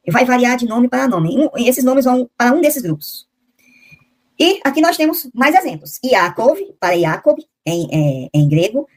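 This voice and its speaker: A woman's voice: on the high side, darkish tone, slightly rough. Woman teaching names in the Bible. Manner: reads out name lists and verses, slowly spelling out foreign names. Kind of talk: explanatory Bible lesson with slides.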